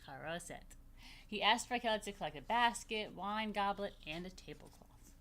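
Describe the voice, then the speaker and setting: With an animated, mid-range, fairly bright voice at a moderate pace, a woman rabbi runs a children's story time held virtually from a room. She reads aloud, tossing in playful asides in simple words and plenty of repetition.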